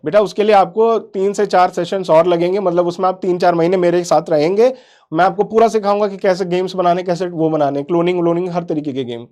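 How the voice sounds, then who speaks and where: A man's voice: high voice, steady tone, fairly quick, a little mellow. A man teaching kids in a live online class, quizzing the chat and often calling them "beta". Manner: quizzes the chat, calls students "beta", repeats "theek hai"; mixes English into explanations.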